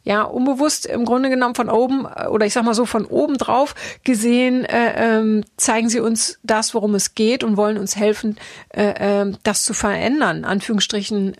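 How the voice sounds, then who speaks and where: A woman's voice: mid-range voice, no echo, clean studio sound. A woman coach telling a story from her coaching sessions in a casual, chatty way, with many fillers and restarts, acting out the dialogue.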